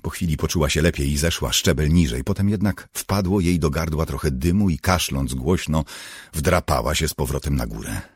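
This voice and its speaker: A man with a very low, husky voice narrating an audiobook in a measured, steady storytelling manner. The sound is dry and close, with no room echo. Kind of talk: scripted narration.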